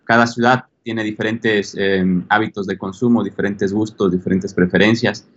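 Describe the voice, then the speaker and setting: Male consultant from Ecuador, lower voice, halting delivery, lo-fi audio. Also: steady tone. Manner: hesitant, many fillers and restarts. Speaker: business consultant. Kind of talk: interview answers.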